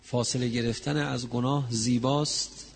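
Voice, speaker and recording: A man delivers a religious sermon with a rough, gravelly edge to his voice. He speaks with passion, dropping to soft, confiding tones and then climbing into high, loud, chanted lament. A faint hiss of noise sits behind him. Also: steady tone. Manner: impassioned, shifts from soft intimate talk to high loud wailing. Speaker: preacher reciting a mourning recitation.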